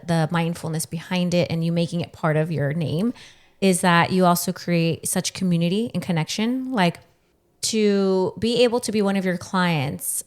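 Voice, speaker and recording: A woman's voice: fairly low pitch, a little mellow. A woman hosting a casual conversational interview, speaking in a chatty, affirming way. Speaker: podcast interviewer.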